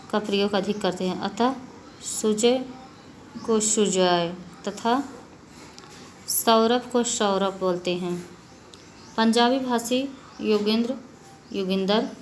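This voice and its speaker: A woman's voice: medium pitch, a little hiss or hum, low-quality recording. A woman teacher giving a classroom grammar lesson, explaining step by step and reading out word examples to the children. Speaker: school teacher.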